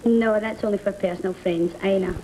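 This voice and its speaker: A Scottish woman from Glasgow chatting as a quiz show contestant, lively and firm. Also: medium pitch, a little fast, faint music behind. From Scotland. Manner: lively, insistent about her name. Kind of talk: casual chat. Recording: very noisy 1960 television broadcast recording.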